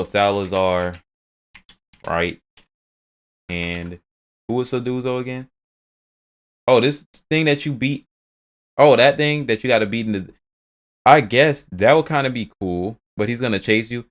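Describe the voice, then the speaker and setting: A man with a medium-pitched voice hosts a video reacting to game news, rambling casually at a measured pace with long pauses. He swears a lot and keeps restarting his sentences.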